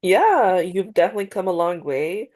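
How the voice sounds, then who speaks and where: This woman plays the counselor in a practice therapy role-play on video call, her fairly low, darkish voice moving at normal speed with lively intonation. Congested and a bit nasal, she hesitates, filling gaps and restarting often.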